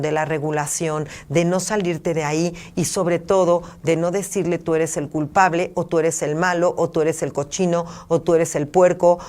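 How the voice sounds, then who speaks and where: A woman's voice: deep voice, a little mellow. A middle-aged woman, a parenting therapist giving an emphatic talk full of rhetorical questions and lists.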